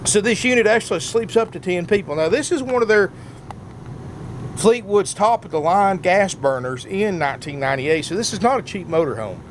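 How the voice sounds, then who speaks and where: Slightly slurring higher-voiced salesman, numb from dentist. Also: expressive, brisk. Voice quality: slightly slurred speech from a numb mouth after dental work. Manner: folksy, often addresses viewers as "folks". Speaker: RV salesman presenting a used motorhome. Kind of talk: casual sales walkaround video pitch. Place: outdoors at an RV lot, then inside the motorhome. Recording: noisy outdoor handheld video, engine rumble. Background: running generator and air conditioners.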